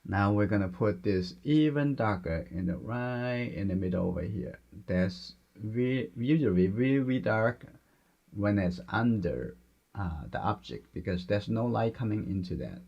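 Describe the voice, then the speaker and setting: Gentle, low gravelly male painting instructor. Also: lively intonation, measured pace, lo-fi sound. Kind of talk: step-by-step painting demonstration, unscripted.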